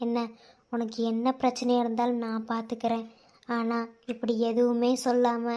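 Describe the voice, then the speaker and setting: A woman doing a young man in a cartoon romance, insistent and pleading with the girl he loves. The voice sits fairly high but barely rises or falls, holding one earnest, teary register throughout. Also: darkish tone, natural voice. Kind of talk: cartoon love-story voice acting.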